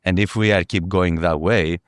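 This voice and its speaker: A man from Greece, a podcast guest speaking earnestly in a halting way, often repeating words as he searches for them. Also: low-pitched, fairly even intonation, clean tone, dry recording, clean studio sound. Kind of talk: podcast interview.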